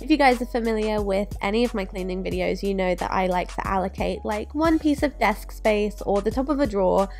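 Speaking briskly with few pauses, this young adult lifestyle vlogger has a medium-pitched, darkish voice over soft background music. She narrates a cleaning tutorial in an upbeat, instructive way as she tidies her bright indoor bedroom, alternating voice-over with to-camera vlogging.

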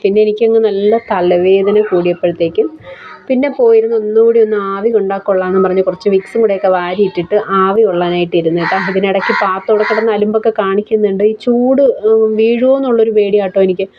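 A young woman telling about her day at home in a cooking vlog. She chats in a homely way, and her voice is hoarse from a blocked throat. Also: medium pitch, steady tone, fast, dull audio. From Kerala, India. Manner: chatty, homely storytelling with frequent tag questions. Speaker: cooking vlogger. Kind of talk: casual vlog voice-over. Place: home kitchen. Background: rain.

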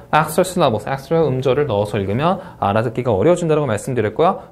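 Korean guy going over speaking test answers, upbeat, keeps repeating the main points, average pitch. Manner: energetic, repeats key points, says "자" often. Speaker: English speaking test instructor. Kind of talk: exam review lecture.

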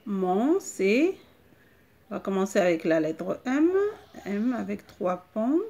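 A woman's voice: medium pitch, very animated, creaky, warm tone. A woman teacher leading a reading lesson for young children, spelling words letter by letter and stressing each sound. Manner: slow, spells letters aloud one by one, stresses words with emphasis.

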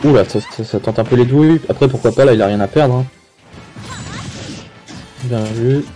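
A man's voice: medium pitch, moderate pace, mellow. A man doing casual esports caster play-by-play, informal, slangy and reactive. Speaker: esports commentator. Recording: faint music behind voice.

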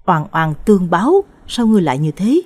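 A commanding older exorcist master barks at a spirit in a Buddhist ghost story, played by a woman narrator. The voice is loud and severe, lower and mellow with a breathy grain. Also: very animated, fairly quick.

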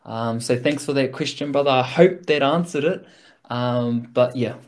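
A man's voice: medium pitch, normal speed, darkish tone, slight background noise. A man with a broad New Zealand accent giving a reflective, casual motivational talk in an earnest, informal way, with slang and frequent check-in questions. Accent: broad New Zealand (Kiwi). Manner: earnest, informal, peppered with slang and rhetorical "right?".

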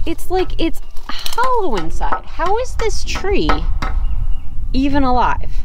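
A woman in her thirties chatting casually outdoors on a rural property, animated and wondering aloud. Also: high-pitched, slow pace, noisy background. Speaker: homesteading vlogger. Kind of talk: casual chat.

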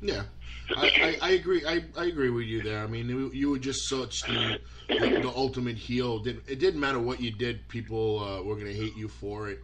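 A male podcast host conducts a casual interview, asking eager questions and stammering often. His voice is medium-pitched at normal speed, and the recording is very noisy.

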